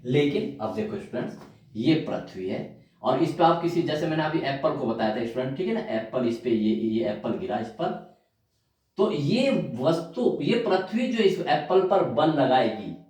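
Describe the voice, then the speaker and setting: Animated man lecturing in an echoey room. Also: fairly high pitch, moderate pace. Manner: animated, calls out to students often, repeats terms while writing. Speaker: physics teacher. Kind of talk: classroom lecture. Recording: loud echo, from far off.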